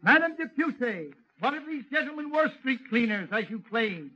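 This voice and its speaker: A man's voice: very high-pitched, big pitch swings, normal speed, bright, forceful tone, breathy edge. A man doing 1930s radio comedy as a columnist, blustering and grumbling asides. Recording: old lo-fi radio recording with hiss.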